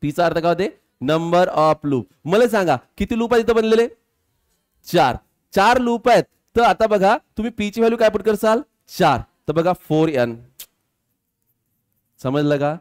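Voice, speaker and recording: A male physics teacher, lecturing a class, quizzing students and slowly dictating formulas. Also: high voice, lively intonation.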